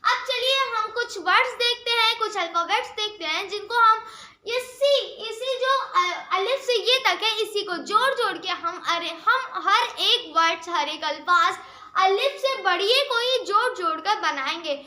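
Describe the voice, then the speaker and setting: A woman teaching the Urdu script, who asks questions and answers them herself, repeats key sounds slowly and mixes English words into her Hindi. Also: very high voice, animated, sharp tone, echoey room. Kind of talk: spoken tutorial explaining Urdu script.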